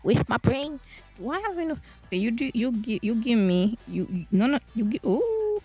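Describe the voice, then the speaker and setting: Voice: mid-range voice, sing-song, normal speed, darkish tone, slightly rough, dull audio, soft background music. A streamer in casual gaming chat, rambling to themselves and swearing freely, recorded on a laptop mic. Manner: rambling, self-talking, swears a lot.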